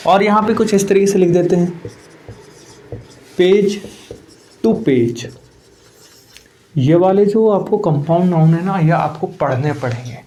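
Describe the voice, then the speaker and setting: High-voiced man teaching exam grammar. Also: a little mellow. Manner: explains step by step, repeats key words, asks students questions. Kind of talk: Hindi-English exam-prep grammar lecture.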